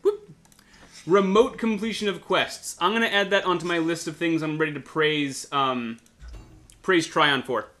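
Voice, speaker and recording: A man's voice: fairly high pitch, a little slow, bright, forceful tone. A man playing a video game, making sarcastic jokes to himself and swearing as he plays. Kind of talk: casual let's-play commentary.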